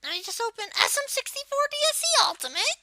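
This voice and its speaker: A person voicing a bratty male cartoon Koopa creature, giving a casual, unscripted software tutorial in a halting, self-correcting way. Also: extremely high pitch, very animated, dry recording, exaggerated voice. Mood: explaining, halting. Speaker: tutorial host.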